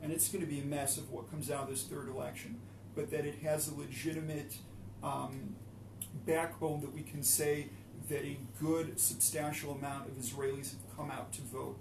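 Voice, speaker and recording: A man's voice: a little high, little pitch movement, moderate pace, gravelly. A man, a father of three, speaking as an election candidate in an interview, earnest and pleading, with many fillers. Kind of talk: interview answer. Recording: echoey room, far from mic, noisy.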